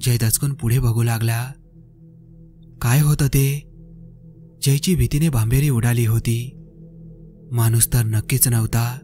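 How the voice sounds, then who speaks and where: A man reads a horror story in a measured, suspenseful way. His tone is mellow and dark, at a middling pitch. Soft music plays faintly behind him. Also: steady tone. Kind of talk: scripted horror story narration.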